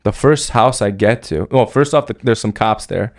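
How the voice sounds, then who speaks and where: A man's voice: on the low side, normal speed, no room sound, clean studio sound. A man telling a story as a podcast guest, in casual, rambling speech full of slang and fillers. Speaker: podcast guest recounting military service.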